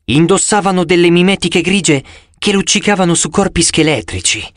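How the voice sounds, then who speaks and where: A man narrating a first-person audiobook in an expressive storytelling manner, recorded close in a studio. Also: high-pitched, normal speed, no echo.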